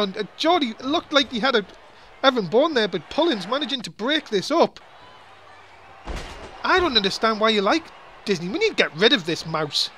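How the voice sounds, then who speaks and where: A man calling a wrestling match play by play, excitable and quick to grumble. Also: extremely high pitch, a little hiss or hum. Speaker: wrestling commentator.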